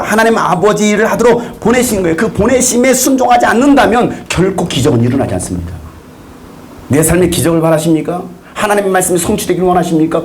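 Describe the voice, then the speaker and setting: A male pastor preaches with a high, bright-pitched voice. His pitch rises and falls widely as he works through one rhetorical question after another. The delivery is animated and direct, aimed at a listening congregation. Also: a little hiss or hum. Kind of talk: sermon.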